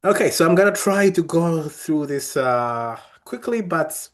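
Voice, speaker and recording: This young man runs a live coding tutorial, walking through each step in a friendly manner, full of fillers and restarts. His voice sits on the high side, animated but unhurried.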